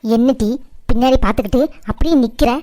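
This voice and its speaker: Woman acting a high-voiced, scolding Tamil mother-in-law. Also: a little fast, mellow, no room sound, clean studio sound, natural voice. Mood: indignant, scolding. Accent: southern Tamil Nadu. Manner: scolding, nagging, complaining. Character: scheming, sharp-tongued Tamil mother-in-law, middle-aged, bitter. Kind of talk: colloquial family cartoon drama dialogue.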